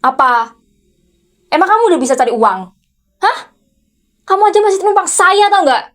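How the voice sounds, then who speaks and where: A woman acting out a wealthy, unmarried aunt who runs her own company, heard in an ASMR role-play. She scolds in a high voice, firing sarcastic questions and sharp challenges at the teenager she looks after. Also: lively intonation, normal speed. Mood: scolding. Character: furious rich unmarried aunt, CEO, scolding teen. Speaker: VTuber role-play creator.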